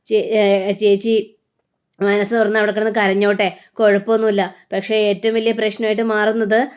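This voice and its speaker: Lady doing a worried young woman, earnest, clear smooth voice. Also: mid-range voice, little pitch movement, normal speed, close to an everyday voice. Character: worried young woman reporting bad news.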